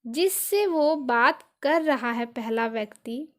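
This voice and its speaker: High-voiced Indian woman teaching grammar. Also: animated, slow. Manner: patient, repeats points with many examples. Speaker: English teacher. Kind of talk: explaining grammar in a video lesson.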